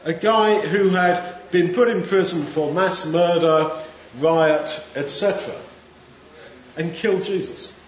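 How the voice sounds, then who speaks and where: A man's voice: a little high, takes it slowly. A man preaching a sermon in a conversational way, acting out the voices of crowds. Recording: echoey room, dull sound, faint noise.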